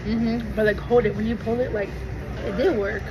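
A woman's voice: fairly high pitch, steady tone, moderate pace, a loud crowd, poor audio. A young woman vlogging casually while eating at a restaurant table, chatty and playful, exclaiming over her food. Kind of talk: casual mukbang chat. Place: busy seafood restaurant, indoors. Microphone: phone camera on the table. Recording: loud restaurant noise behind.

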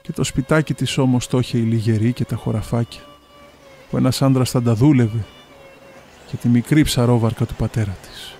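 A man's voice: steady tone, warm tone, soft background music. A man reading a story aloud for radio, raising his voice a little for the villagers' lines. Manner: lifts pitch for quoted villagers' lines. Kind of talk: radio adaptation of a story, narrated with voiced dialogue.

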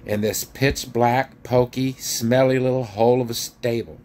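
A man's voice: medium pitch, fairly even intonation, unhurried, darkish tone, a little hiss or hum, voice pushed up, lightly acted. A man voicing a surly, stubborn, indignant male dwarf in a storybook reading, with a grumbling, scornful, colloquial manner.

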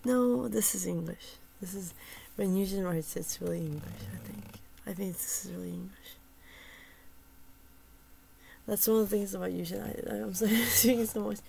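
Soft, creaky-voiced woman musing aloud. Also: medium pitch, brisk, hardly any pauses, slight background noise, low-quality recording. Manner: soft-spoken, often dropping to a whisper; hesitant, with many fillers and repeated starts. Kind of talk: casual chat about a poem and its translation.

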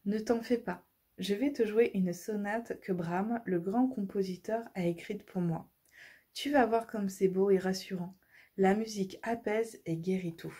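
A woman voicing a gentle, wise talking clarinet in a storybook, speaking softly and soothingly. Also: medium pitch, measured pace, breathy edge. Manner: soft, soothing.

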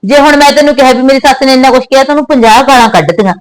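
Young actress as high-pitched Punjabi daughter, tearful and pleading, then reproachful. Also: female voice, racing, close to an everyday voice, low-quality recording.

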